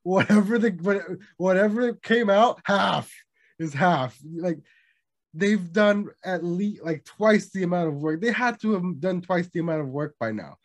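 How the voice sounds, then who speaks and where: A young man chats casually about video games, rambling, restarting his sentences and swearing freely. His voice sits a little high for a man. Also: expressive, a little slow. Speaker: podcast co-host. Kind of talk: casual gaming chat.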